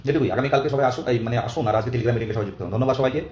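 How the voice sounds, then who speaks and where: Hoarse, very rapid-talking West Bengali man. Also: mid-range voice, darkish tone. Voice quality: hoarse, strained voice. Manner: urging, repetitive, earnest pleading. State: voice worn out. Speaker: activist leader among job-seeking teacher candidates. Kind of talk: informal live-stream appeal to followers. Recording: echoey, faint background noise.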